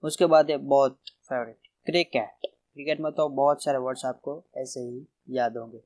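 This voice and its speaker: A man's voice: medium pitch, fairly even intonation, moderate pace, darkish tone, rough recording. A man teaching a general knowledge revision lesson, reading out word lists and stressing each term. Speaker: quiz teacher.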